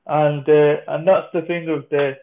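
A man's voice: a little high, flat delivery, measured pace. Man rambling over a phone-like line. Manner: rambling, repetitive, sweary. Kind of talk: casual group chat. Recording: thin phone-like online call.

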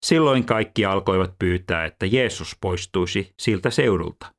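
A man reading scripture aloud in a measured, even scripted delivery. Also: sits low. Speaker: scripture reader.

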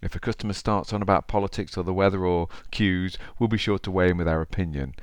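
A man's voice: deep voice, fast, no room sound, studio quality. A man with an East Midlands accent from Derby, hosting a podcast in a chatty, informal way, speaking straight to the listener as he talks and reads. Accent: East Midlands English, Derby. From Derby, England. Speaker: podcast host. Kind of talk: informal solo podcast talk and story reading.

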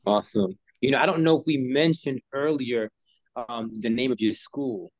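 A man hosting an interview in a relaxed, conversational way, affirming his guest and often saying "you know". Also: medium pitch, normal speed, no echo. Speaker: interview host. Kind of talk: casual interview talk.

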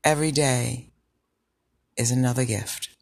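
A woman with a low, sultry voice hosting a personal podcast, speaking in a deliberate, reflective way with pauses. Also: steady tone, creaky, darkish tone, dry recording, studio quality. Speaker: podcast host. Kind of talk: personal health podcast monologue.

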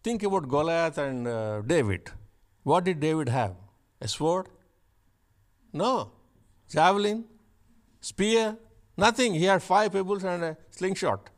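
A man preaching a sermon, shifting from chatty asides with the congregation to loud, emphatic repeated declarations. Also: a little high, expressive, takes it slowly, pauses often. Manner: builds to loud emphatic repetition; conversational asides with laughs.

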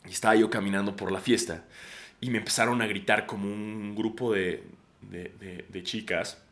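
A Mexican man in his thirties hosting a podcast, telling stories in an animated, slangy way and swearing freely. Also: lowish voice, moderate pace. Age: 30s. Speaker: podcast host. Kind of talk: casual storytelling monologue.

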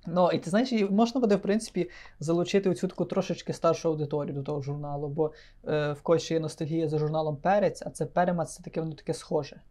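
A man's voice: a little high, fairly even intonation, very fast, warm tone. A man co-hosting a podcast, playful and rambling, often stumbling and restarting his words. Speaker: podcast co-host. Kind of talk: casual joking chat.

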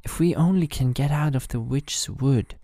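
A man's voice: mid-range voice, normal speed, warm tone, dry recording, clean studio sound, pitched above the performer's own voice, natural voice. A man voicing a hopeful young boy in a read-aloud bedtime fairy tale. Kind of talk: bedtime story reading.

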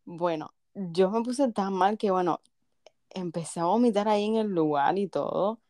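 A woman's voice: mid-range voice, normal speed, warm tone, no echo. Woman podcast cohost, chill storytelling, dry close mic. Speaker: podcast co-host. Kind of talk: casual storytelling chat.

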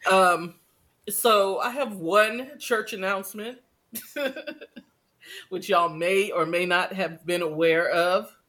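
An American woman hosting a podcast in casual chat, wry, unhurried and playfully teasing. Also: mid-range voice, a bit bright. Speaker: podcast host.

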